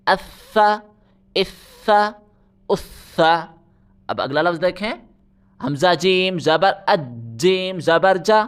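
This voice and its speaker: Male teacher, clear resonant voice, patient call-and-answer drill, spells sounds out slowly. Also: high voice, a bit bright. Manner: patient, repetitive, asks and answers own questions. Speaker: Quran recitation teacher. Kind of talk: slow spelling-out lesson drill.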